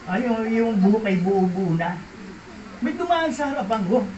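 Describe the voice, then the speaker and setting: High-voiced pastor in an echoey hall. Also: male voice, big pitch swings, moderate pace, darkish tone. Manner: dramatic storyteller, questions the audience. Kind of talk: testimony sermon to a congregation. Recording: echoey hall, distant mic, dull sound, background noise.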